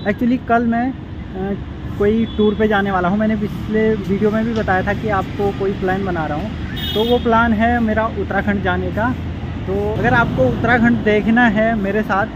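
This high-pitched young man speaks casually to camera as a motovlogger, explaining every step for his audience, and the recording sounds muffled. He is outdoors by a city roadside, filming first with a phone and later with a helmet-mounted action camera once he is on his motorbike. Wind and the sounds of traffic and vehicles fill the background.

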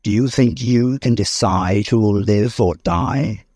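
A man voicing a kind but stern Christmas spirit in a storybook reading, speaking slowly and gravely. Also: lowish voice, a little mellow, no room sound, clean studio sound. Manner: slow, grave, reproachful.

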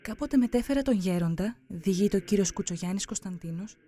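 A narrator giving a solemn, measured scripted reading for a religious documentary. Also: medium pitch, expressive, mellow.

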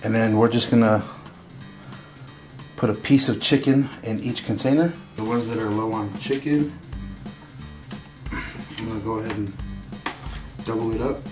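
A man's voice: lowish voice, unhurried, long pauses, recorded from a distance, soft background music. A man casually walking viewers through a home cooking tutorial in his kitchen, chatty and easygoing as he cooks. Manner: relaxed, chatty, talks while cooking. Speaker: cooking vlogger.

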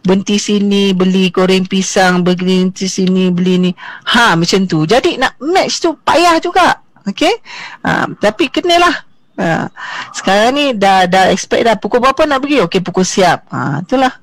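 A woman in her forties from Johor with a Malaysian accent, giving an online seminar talk in a lively way with English asides and rhetorical questions. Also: mid-range voice, moderate pace. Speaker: seminar speaker.

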